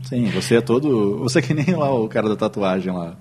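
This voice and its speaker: A man with a Brazilian Portuguese accent co-hosts a casual podcast chat over drinks, tossing out sarcastic wisecracks. His lowish voice is expressive and fairly quick.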